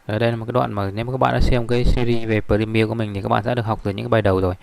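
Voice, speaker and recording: Man, tutorial instructor, speedy and gravelly, rambling delivery. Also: fairly low pitch, level tone, very fast, darkish tone, no room sound. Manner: rambling, many fillers and restarts. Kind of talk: screen-recorded tutorial.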